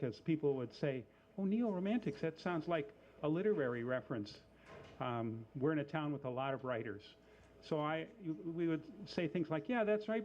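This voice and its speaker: A man hosting a live coffee house show, casual and halting, with lots of fillers and dry little jokes. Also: on the high side, a little mellow, dull audio. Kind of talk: casual live emcee patter.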